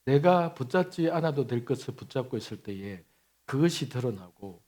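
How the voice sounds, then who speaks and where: A man in his fifties, a pastor preaching a sermon, telling stories in an emphatic, animated way. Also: medium pitch, moderate pace. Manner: storytelling with lively acted quotes and laughter.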